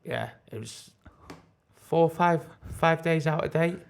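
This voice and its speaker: A man's voice: a little high, takes it slowly, gravelly. A British man co-hosting a podcast in casual, jokey conversation. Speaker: podcast co-host.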